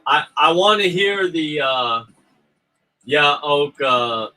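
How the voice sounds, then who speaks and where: A man's voice: on the high side, animated, takes it slowly, pushed and bright, poor audio. A man co-hosting a casual livestream, bantering in a joking, teasing and rambling way. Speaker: livestream co-host promoting a crowdfunding campaign.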